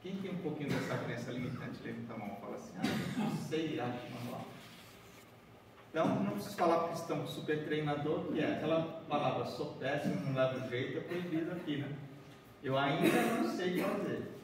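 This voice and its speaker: A man's voice: a little high, animated, a little fast, background noise. Chatty man in an echoey hall. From Bahia, Brazil. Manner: chatty, keeps asking "né?" and "certo?", walking and folding paper. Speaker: origami speaker. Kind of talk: workshop talk to a seated group. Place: large dim conference room. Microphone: far room camera, no mic seen. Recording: echoey hall heard from far off.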